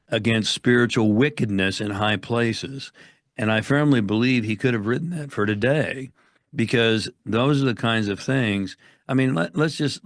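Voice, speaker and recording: A man's voice: fairly low pitch, dry recording, clean studio sound. An American man, a podcast guest, who talks emphatically and quotes scripture. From United States. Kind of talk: conversational podcast talk.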